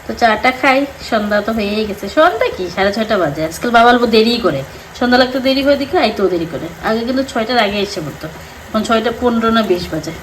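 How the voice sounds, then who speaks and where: A middle-aged woman chatting casually to her viewers in a home vlog, talking in a relaxed colloquial way and recorded on a phone camera. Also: a little high, fast talker, slight background noise. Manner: chatty, talks straight to viewers in colloquial dialect. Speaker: vlogger.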